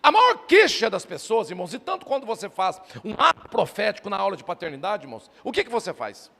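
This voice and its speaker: An emphatic middle-aged pastor in full sermon mode, his voice rising and falling widely. A gravelly rasp runs through his fairly high voice. The sound carries the long reverb of a big hall. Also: sing-song, fast, bright, forceful tone. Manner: emphatic preaching, often addressing "irmãos".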